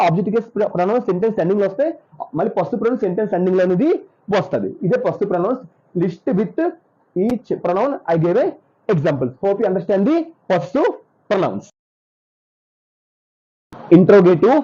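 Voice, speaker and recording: Teacher, explaining grammar notes, slow read-out examples, self-correcting, husky, dull lo-fi sound. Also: medium pitch, mellow. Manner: repeats points, corrects own slips; reads English example sentences slowly. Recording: dull lo-fi recording.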